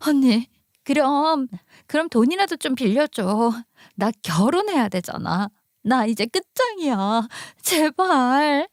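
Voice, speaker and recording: A woman's voice: a little high, animated, slow pace, no room sound, clean studio sound, pitched above the performer's own voice. A woman voicing a desperate young sister-in-law who pleads and clings in a radio story. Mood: begging.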